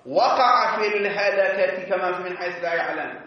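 A man giving a seminary lecture, explaining animatedly and drawing out key words slowly. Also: sits high. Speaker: teacher of religious jurisprudence. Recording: echoey, dull lo-fi classroom recording.

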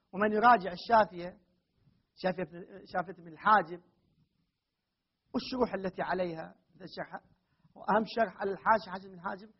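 A man with a high, husky voice lectures on grammar, repeating his points and leaning hard on key words. The recording is dull and lo-fi. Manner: explains slowly with repeated phrases, rises to emphatic stresses. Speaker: teacher of Arabic grammar and Quran readings. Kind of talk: classroom lecture.

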